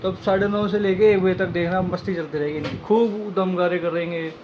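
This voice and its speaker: Male family vlogger, high-pitched, chatty and playful on a phone camera. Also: steady tone, fairly quick, dull audio, noisy background. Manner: chatty, playful, talks to kids and viewers. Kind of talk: casual vlog narration. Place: home, indoors; later outdoors on a walk.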